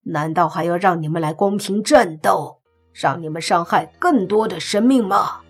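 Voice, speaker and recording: A woman voicing a self-righteous old male Taoist priest who scolds loudly in lofty, archaic speech. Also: on the low side, moderate pace, husky, faint music behind. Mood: scolding.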